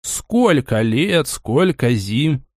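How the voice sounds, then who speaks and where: A man voicing a boastful, fussy male talking cat in an audiobook, loud and wheedling, with a chattering manner. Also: mid-range voice, sing-song, very slow, no echo, studio quality, full character voice. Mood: purring, coaxing. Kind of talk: audiobook character voice.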